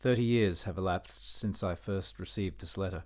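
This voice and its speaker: In a radio play, a man acts as an educated, disapproving older gentleman narrating his memoir in a measured, formal and dignified manner. His voice is low-pitched yet close to an everyday one, and the mood is measured and reflective.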